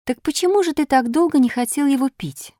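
A woman voicing a kind, patient fairy who speaks softly and coaxingly in a storybook reading. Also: high voice, brisk, no echo, studio quality, voice pushed up, natural voice. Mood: gentle. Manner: gentle, soft-spoken, coaxing.

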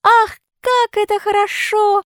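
Storybook puppet boy, mischievous and eager, shrill childlike exclamations, put on by a woman reader. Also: expressive, fairly quick, no echo, studio quality. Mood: pleading. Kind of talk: audiobook character voice.

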